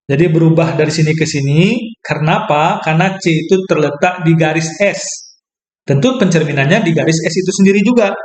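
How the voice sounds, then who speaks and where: A man's voice: fairly high pitch, echoey room. A man explaining a geometry proof as a math lecturer, thinking aloud, correcting himself and checking in with listeners. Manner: thinks aloud, self-corrects, asks "ya kan?".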